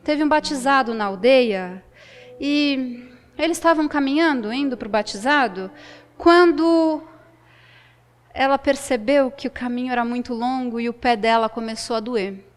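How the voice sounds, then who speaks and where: A woman telling a folk tale aloud with expressive delivery, dramatic pauses and a shifting pace. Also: high voice, long reverb tail. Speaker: storyteller. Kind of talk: oral folk-tale storytelling.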